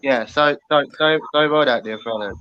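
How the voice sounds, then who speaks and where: A man's voice: medium pitch, rapid-fire, smooth, no room sound, lo-fi sound. A man hosting a casual football podcast, reading out viewer comments in a laid-back way.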